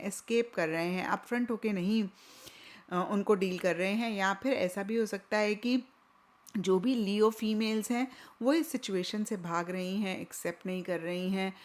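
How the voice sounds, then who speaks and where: A woman giving a tarot reading, talking chattily and mixing Hindi with English phrases, often repeating points for emphasis. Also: medium pitch. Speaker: tarot reader. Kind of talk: tarot reading talk to camera.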